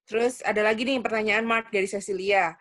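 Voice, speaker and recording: A woman's voice: mid-range voice, fairly even intonation, fairly quick, fairly bright tone, no room sound. A woman who moderates the webinar, reading out questions and explaining fees step by step. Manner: matter-of-fact, explains step by step. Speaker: webinar moderator and recruitment staff.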